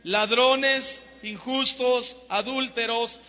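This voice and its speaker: A man's voice: very high-pitched, steady tone, very slow, sharp tone, pitched above the performer's own voice, heavily acted. A man voicing a proud, self-righteous Pharisee who prays aloud in a boastful, declaiming way, echoing in a hall. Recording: long hall reverb.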